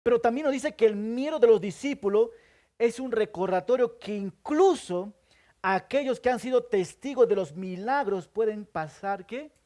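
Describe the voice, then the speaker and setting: Preaching at a normal speed, a male pastor keeps asking his congregation questions and then answering them. He swings between emphatic loudness and hushed, low-voiced asides.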